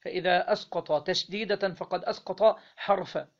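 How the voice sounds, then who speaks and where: High, gravelly Egyptian man teaching. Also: steady tone, lo-fi sound. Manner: reads the text then explains, quizzing listeners with "what?" pauses. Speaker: Islamic law teacher. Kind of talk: explaining a legal text line by line.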